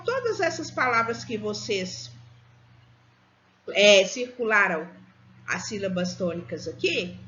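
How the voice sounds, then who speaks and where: A woman, a primary school teacher giving a recorded remote lesson and explaining things slowly and patiently to children. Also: high-pitched, pushed and bright, a little hiss or hum. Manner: slow, patient, speaks to children as "tia". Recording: dull lo-fi home recording.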